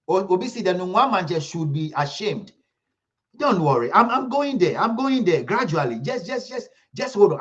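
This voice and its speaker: Man hosting an online commentary stream, lively rising-and-falling delivery, somewhat high voice, repetitive and pleading, dull lo-fi audio. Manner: emphatic, repetitive, pleading with viewers. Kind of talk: livestream commentary.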